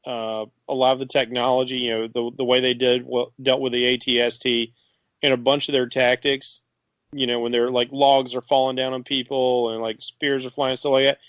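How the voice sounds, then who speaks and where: A man's voice: mid-range voice, little pitch movement, normal speed, a bit bright, no room sound. A man co-hosting a podcast, chatting casually in a rambling, filler-heavy way. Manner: rambling, lots of fillers, laughs easily. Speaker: podcast co-host. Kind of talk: casual chat.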